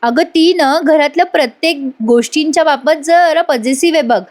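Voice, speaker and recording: A woman's voice: sits high, normal speed, pitched above the performer's own voice, close to an everyday voice. Woman reading as a soothing, indulgent mother.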